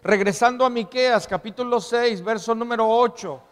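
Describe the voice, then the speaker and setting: High-voiced preacher in a reverberant hall. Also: male voice, moderate pace. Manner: call-and-response preaching, asks congregation to repeat. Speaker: pastor. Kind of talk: sermon. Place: church hall. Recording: long reverb in a church hall.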